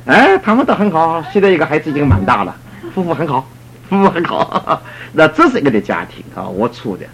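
A middle-aged man, a church elder, telling a story in a sermon in an animated way and acting out the people he quotes. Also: a little high, fairly quick, a little hiss or hum. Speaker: church elder giving a talk.

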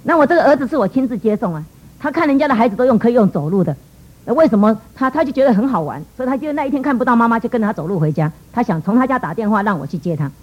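A woman's voice: a little high, expressive, rapid-fire, husky. Middle-aged woman, church testimony, earnest storytelling, quoted dialogue, dull lo-fi recording. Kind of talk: emotional personal testimony.

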